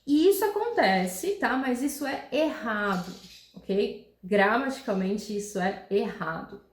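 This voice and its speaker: In a room with a roomy echo, a woman gives an English grammar lesson in Portuguese. Her voice is a little high and animated; she explains patiently, often checks in with "tá?" and "né?", and reads the English examples slowly and clearly.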